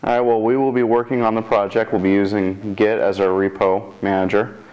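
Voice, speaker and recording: This is a computer science student developer in his twenties, giving an informal interview about a project. His fairly low voice is flat and brisk, the audio dull, and he often rephrases himself mid-sentence.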